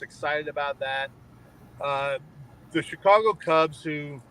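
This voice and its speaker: Bright-voiced man chatting about sports. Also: fairly high pitch, slight background noise, low-quality recording. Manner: conversational, rambling with frequent restarts. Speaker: sports talk show co-host. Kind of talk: casual sports chat.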